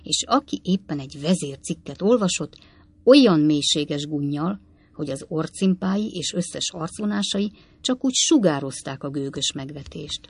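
A woman narrating a classic novel as an audiobook in a measured, expressive storytelling manner, with a husky voice. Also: sits low, no room sound.

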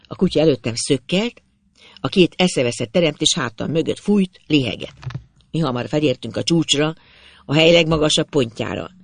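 A man narrating a literary story in the first person, with measured, expressive storytelling. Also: a little high, vocal fry, no echo.

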